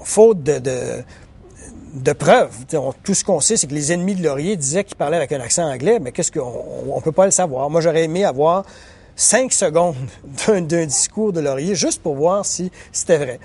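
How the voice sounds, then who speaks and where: Hesitant man, mellow voice. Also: on the high side. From Quebec, Canada. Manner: hesitant, many fillers and restarts. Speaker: journalist and biographer. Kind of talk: recorded interview, thoughtful explanation.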